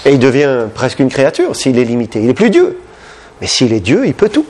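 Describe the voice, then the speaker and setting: A man's voice: huge pitch swings, fairly quick, a little mellow. A man preaching a sermon in French, impassioned and addressing the congregation with questions. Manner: impassioned, questioning the listeners, big pitch swings.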